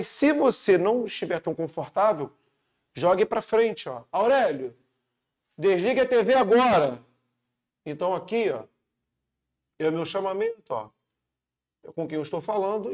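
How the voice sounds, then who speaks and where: A man's voice: sits high, a little mellow. A man with a Brazilian Portuguese accent teaching a casual online grammar lesson, chatty and upbeat, checking in with his students after every point.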